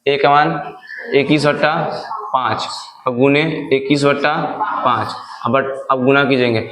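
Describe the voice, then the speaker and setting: A man's voice: mid-range voice, steady tone, measured pace, a bit bright, slight background noise. A male maths teacher, giving a classroom lesson and asking questions he answers himself. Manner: asks questions and answers them himself, repetitive drilling. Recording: echoey room.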